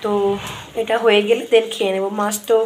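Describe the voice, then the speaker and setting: A hoarse woman, chatting through her day at home as she cooks. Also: mid-range voice, level tone, fast, slight background noise, rough recording. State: hoarse, straining to speak. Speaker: vlogger. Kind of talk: casual daily vlog narration. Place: home kitchen.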